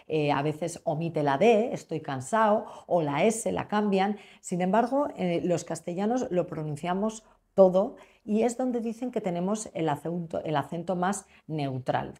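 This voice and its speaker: Castilian spanish lady teaching online, kinda low voice, mellow, easygoing with little fillers. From Castile, Spain. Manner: explains in a relaxed, unhurried way with small restarts and fillers. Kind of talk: casual online lesson.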